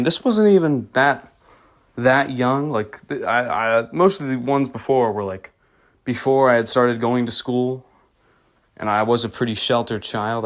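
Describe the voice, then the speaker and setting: A young man with a nasal voice, casually telling self-mocking stories from his childhood, with plenty of restarts and fillers. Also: medium pitch. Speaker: vlogger. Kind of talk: casual storytelling rant.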